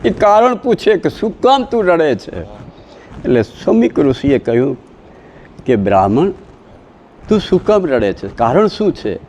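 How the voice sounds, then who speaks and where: A man with a Saurashtra Gujarati accent telling a devotional story, swinging between loud exclamations and soft asides. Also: fairly high pitch, sing-song, measured pace, highs cut off, slight background noise. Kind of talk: religious discourse with chanting. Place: outdoor village satsang gathering.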